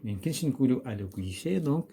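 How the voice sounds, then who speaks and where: Here the same Moroccan-accented teacher sounds mid-range, creaky and mellow, speaking rapid-fire with lively intonation over a little hiss or hum. He leads a recorded grammar class patiently, quizzing a pupil and spelling words out one letter at a time.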